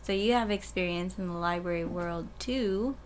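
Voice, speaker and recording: A woman's voice: on the low side, moderate pace, slight background noise. A woman who works as a librarian, chatting casually and laughing often. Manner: giggly, rambling. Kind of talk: casual chat.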